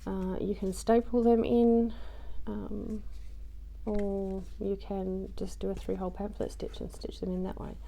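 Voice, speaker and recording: A craft journaling vlogger, her voice only just back after losing it, rambles casually through a craft project at home, full of ums and small self-deprecating asides. She speaks a little slowly in a mid-range, creaky, dark voice with little pitch movement, over slight background noise.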